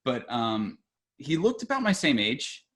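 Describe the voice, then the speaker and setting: A man's voice: medium pitch, sing-song, measured pace, a bit bright. A young man hosting a casual film podcast, rambling, restarting his sentences and often laughing as he talks. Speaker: podcast host.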